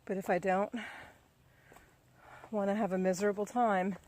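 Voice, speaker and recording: A middle-aged woman giving a relaxed, chatty, self-encouraging training update on a ride outdoors. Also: medium pitch, normal speed. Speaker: vlogger. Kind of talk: casual spoken training update.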